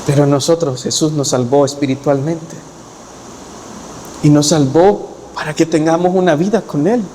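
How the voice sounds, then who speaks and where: A man preaching a sermon in a church hall, his voice sitting a little high for a man. The sound carries a long reverb from the room. He retells scripture plainly and lifts his pitch as he drives a point home. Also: steady tone, normal speed, mellow, slight background noise. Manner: retells scripture in acted quotes, lowering his voice for them; rises in pitch when pressing a point. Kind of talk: expository sermon.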